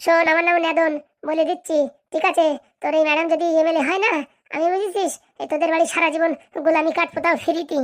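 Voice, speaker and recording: A woman's voice: very high voice, flat delivery, fast. A woman doing Nedon, a cocky cartoon rival. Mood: threatening. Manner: threatening boasts. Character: boastful male rival, threatening and cocky.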